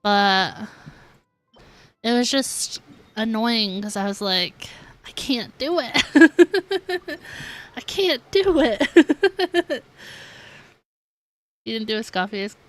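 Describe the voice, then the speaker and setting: A woman with a slightly high, expressive voice speaks very slowly, leaving long pauses. She's a game streamer hosting a livestream, chatting casually while she plays, giggling and poking fun at herself. Her talk is informal and scattered with "like."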